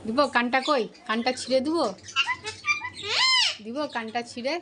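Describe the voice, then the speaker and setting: Woman, high voice, coaxing baby talk, playful scolding, loud background noise, squawking birds. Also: steady tone. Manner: closes with a quick word to viewers. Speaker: pet bird vlogger. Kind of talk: talking to pet parrots.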